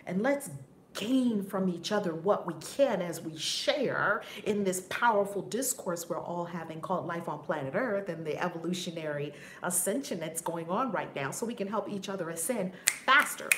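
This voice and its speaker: Animated woman teaching in a roomy space. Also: on the low side, normal speed. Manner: animated, laughs often, swears casually. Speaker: spiritual teacher. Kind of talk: casual livestream teaching. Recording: roomy with faint background noise.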